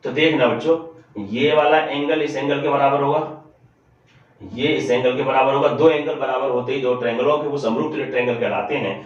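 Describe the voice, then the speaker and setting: A man's voice: medium pitch, steady tone, normal speed. A man teaching math to students in a classroom-style lesson. He repeats each step aloud and keeps calling on the students to listen closely. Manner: repetitive, addresses students often, walks through steps aloud. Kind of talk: classroom-style lesson solving board problems. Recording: echoey room from a distance, dull lo-fi sound.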